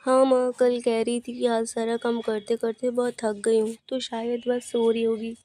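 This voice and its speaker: A woman voicing a young husband in a cartoon story, coaxing and hurried. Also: fairly high pitch, little pitch movement, mellow, pitched below the performer's own voice, natural voice. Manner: urgent, coaxing.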